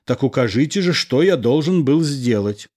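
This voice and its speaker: A man's voice: medium pitch, expressive, moderate pace, a little mellow, natural voice. A male reader voicing a composed, wry husband who talks through an awkward scene like a patient lecture. There is irony in every turn. It is a spoken storybook reading. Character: calm, wry, reasoning middle-aged husband engineer. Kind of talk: audiobook character reading.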